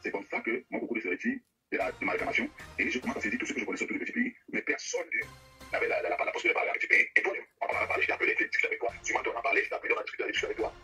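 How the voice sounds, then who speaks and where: A man's voice: mid-range voice, huge pitch swings, rapid-fire, bright, forceful tone, soft background music, low-quality recording. A man giving a heated personal account in an interview, insistent, often repeating and stumbling over his words. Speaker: guest telling of a money dispute with an artist.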